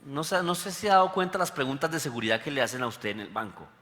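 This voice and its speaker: A man preaching a lively sermon as pastor, full of rhetorical questions. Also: mid-range voice, fast talker. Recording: long hall reverb.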